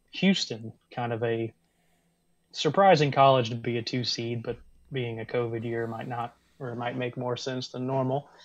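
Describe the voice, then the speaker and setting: A man's voice: medium pitch, dry recording. A man hosting a casual sports chat, steering from topic to topic with hedging fillers. His mic sounds dry and a bit dull, like a lo-fi setup.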